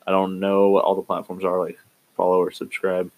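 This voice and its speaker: A man with a very low voice hosts his own podcast from a small room at home. He rambles through an update, doubting himself and often starting sentences over. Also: monotone, a little fast, darkish tone, low-quality recording. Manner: rambling, self-doubting, with frequent restarts. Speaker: podcast host. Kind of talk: casual solo podcast update.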